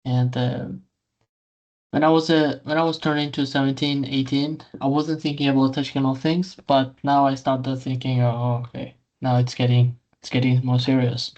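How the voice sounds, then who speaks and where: A man's voice: medium pitch, little pitch movement, normal speed, darkish tone. A man in his early twenties chatting on a podcast, thoughtful and a little hesitant as he speaks. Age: 20s. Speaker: podcast co-host. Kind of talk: casual podcast chat. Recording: dull, muffled lo-fi audio.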